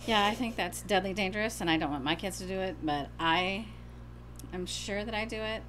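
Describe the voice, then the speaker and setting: A middle-aged woman co-hosting a podcast with her daughter, chatty and self-deprecating with quick asides. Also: medium pitch, a bit bright, a little hiss or hum, poor audio. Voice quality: hard of hearing. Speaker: co-host, mother. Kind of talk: casual podcast chat.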